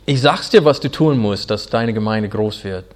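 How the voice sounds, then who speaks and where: American-accented male pastor, forties, English native speaker, earnest and halting, lower-pitched voice, preaching a sermon. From Arkansas, USA. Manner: earnest, halting German with fillers.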